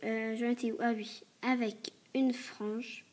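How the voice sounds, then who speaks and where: Hoarse chatty woman, fairly high voice. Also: flat delivery, slow, heavy background noise. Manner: chatty and hesitant, many fillers and self-corrections; coughs and clears her throat often. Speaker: doll reviewer. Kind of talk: casual show-and-tell video review. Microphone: tablet mic.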